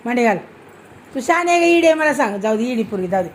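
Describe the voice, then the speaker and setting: A mother speaks to her little girl in a high voice, repeating short commands. She coaxes and scolds in turn, in casual home talk. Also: expressive, fast, slight background noise. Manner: coaxing, repetitive commands. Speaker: mother talking to her small daughter.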